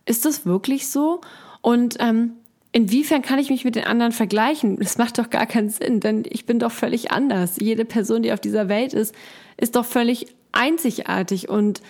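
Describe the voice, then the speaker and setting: A woman's voice: on the high side, steady tone, moderate pace, darkish tone. A woman coach giving a casual motivational talk straight to the listener, encouraging and chatty, often restarting her sentences.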